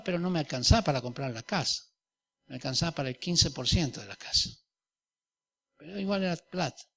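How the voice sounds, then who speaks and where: A middle-aged man delivers a sermon as a lively storyteller, slipping into different voices for each side of a conversation. His voice sits a little higher than most men's. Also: creaky. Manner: animated storyteller, acts out dialogue in varied voices. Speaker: pastor. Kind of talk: sermon with personal stories.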